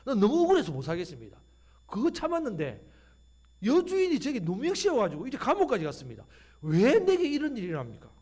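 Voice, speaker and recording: Preacher voicing a wronged young man, pleading, aggrieved, high voice, wide swings. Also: wildly swooping pitch, fast, a little mellow, husky, full character voice.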